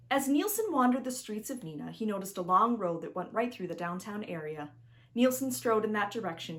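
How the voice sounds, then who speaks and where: A woman with a medium-pitched voice narrates her own children's storybook, expressive and emphatic, addressing the listener directly.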